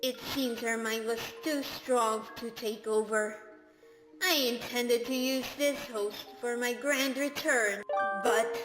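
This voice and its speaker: A woman voicing a lonely, proud alien hive-mind remnant in a fan game, speaking solemnly through an echoing chorus-like effect. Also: fairly high pitch. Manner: solemn, formal, slow.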